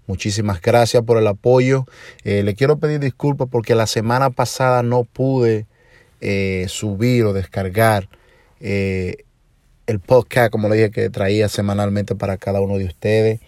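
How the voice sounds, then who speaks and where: A lowish, darkish voice with fairly even intonation belongs to a Dominican podcast host in his forties with a Dominican Spanish accent. He reflects slowly in a monologue packed with hesitations, and the phone or home mic recording sounds clean, like a studio, with no echo.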